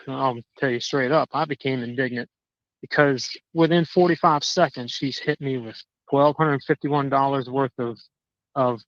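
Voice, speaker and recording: A man calling in on a crackly phone line that fades in and out, walking a dog outdoors and telling his story in a halting, indignant way, often repeating words. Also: mid-range voice, a bit bright, dry recording. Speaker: caller. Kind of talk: casual chat. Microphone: cell phone.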